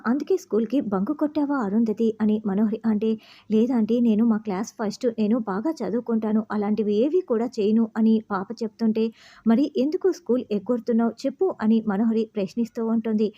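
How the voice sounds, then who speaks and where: A woman narrating a story in an even, steady manner, delivering quoted lines in her own voice. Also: on the high side, lo-fi sound.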